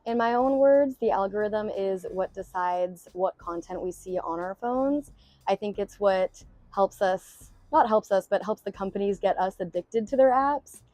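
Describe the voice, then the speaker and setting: A woman's voice: mid-range voice, a little slow, a little mellow, dry recording. A young woman from Massachusetts answering interview questions, earnest and emphatic. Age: young adult.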